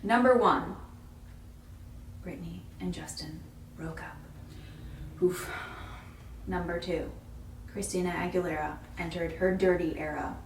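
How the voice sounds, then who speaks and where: A woman's voice: lowish voice, unhurried, long pauses. Podcast lady laughing thru a trivia list, roomy echo, mic kinda far, bit of hiss. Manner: giggly, reads off a list of trivia. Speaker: podcast co-host. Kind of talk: casual chat. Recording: echoey room, distant mic, faint noise.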